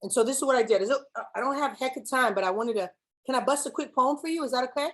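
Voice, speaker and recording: A young woman whose voice sits high talks at a quick pace in a keynote speech to students. She questions her listeners, shifts back and forth between Spanish and English, and performs a spoken-word poem.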